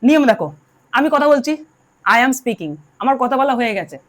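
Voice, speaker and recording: Lively high-voiced woman teaching grammar. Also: moderate pace. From Bengal. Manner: drills students, asks them to answer aloud. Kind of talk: classroom lesson.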